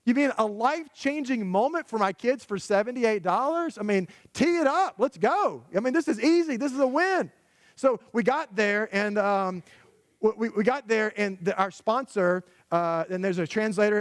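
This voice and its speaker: High-voiced man preaching a story sermon. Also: no room sound, clean studio sound. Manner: conversational, emphatic, rhetorical questions to parents. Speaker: guest preacher. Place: church sanctuary.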